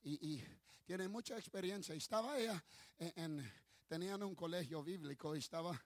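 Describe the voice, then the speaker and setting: A man's voice: on the high side, moderate pace, no room sound, studio quality. A man preaching as pastor of his ministry, fervent, calling for applause and telling stories with many restarts. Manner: storytelling with restarts. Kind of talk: sermon.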